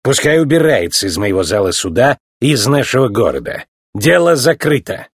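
A stern old male judge car hands down threats in a storybook reading, voiced by a man. He sounds gruff and commanding, with a husky grain. The recording is close and dry. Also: mid-range voice, big pitch swings, moderate pace, no echo.

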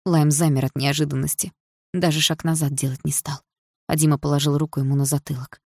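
Low, gravelly female audiobook narrator. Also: steady tone, a little fast, dark tone, no room sound, studio quality. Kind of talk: first-person novel reading.

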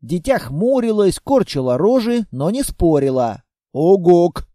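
A man narrating a fantasy story in an expressive, steady storytelling manner. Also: high-pitched, a little slow, no echo, clean studio sound. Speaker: audiobook narrator. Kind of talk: scripted narration of a fantasy tale.

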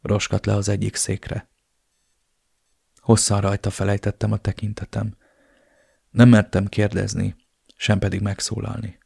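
Male audiobook narrator, first-person, subdued and measured, gravelly tone, dry close sound. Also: lowish voice, monotone, warm tone, no room sound.

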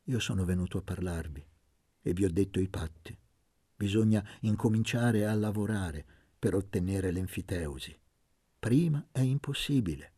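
A man reading Luca, a forceful peasant leader. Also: on the low side, husky, no echo, clean studio sound, exaggerated voice.

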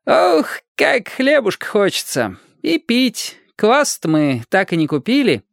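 A reader voicing a cheeky young boy who teases his friends in a squeaky, mocking voice in a storybook reading. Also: wildly swooping pitch, takes it slowly, creaky, no echo, studio quality, full character voice. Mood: teasing. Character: cheeky mischievous young boy, teasing prankster.

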